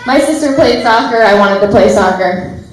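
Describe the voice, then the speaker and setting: A young woman with a fairly high voice giving a wedding toast as maid of honor, giggly and heartfelt, close to tears. Her voice rings through a very echoey reception hall over a handheld mic. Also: normal speed.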